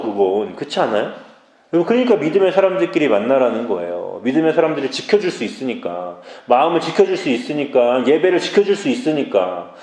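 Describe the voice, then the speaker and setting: Lively preaching man in his thirties. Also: a little high. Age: mid-30s. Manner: animated preaching, asks the congregation questions. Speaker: pastor. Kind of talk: sermon. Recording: echoey church hall.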